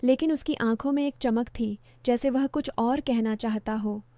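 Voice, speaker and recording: A woman tells a first-person story in a calm, measured way, her voice fairly high yet mellow. The sound is dry and close, with no room around it. Her delivery stays reflective throughout. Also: no room sound.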